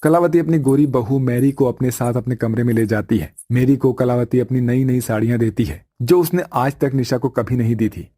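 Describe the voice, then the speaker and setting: Mellow male story narrator. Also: medium pitch, normal speed, hardly any pauses, dry recording, studio quality.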